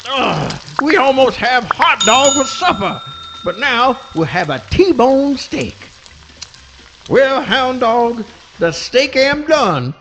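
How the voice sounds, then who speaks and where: A man's voice: very high-pitched, very animated, slow, a bit bright, soft background music, full character voice. A man voicing a good-natured, put-upon little swamp possum in a comic radio play. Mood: folksy, puzzled. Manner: folksy rustic dialect, plaintive.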